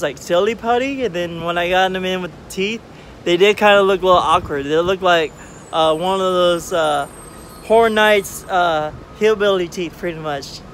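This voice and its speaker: A man with a high voice chats casually to camera while speaking with brand-new dentures. He rambles in an upbeat way, leaning on ums and uhs. A faint hiss of background noise sits under the voice. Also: fairly bright tone. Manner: rambling, filler-heavy, upbeat. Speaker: vlogger. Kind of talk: casual vlog chat.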